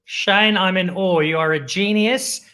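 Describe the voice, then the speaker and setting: A man's voice: sits high, measured pace, pushed and bright. A man co-hosting a comic interview, bantering in a playful, mock-serious way. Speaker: co-host.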